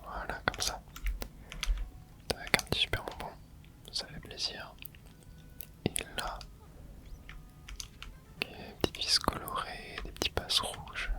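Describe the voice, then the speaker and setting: A video creator speaks in a steady, hushed whisper, as quiet as someone up late at night. The delivery is casual and rambling ASMR game commentary, thinking aloud close to the microphone. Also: slow, long pauses.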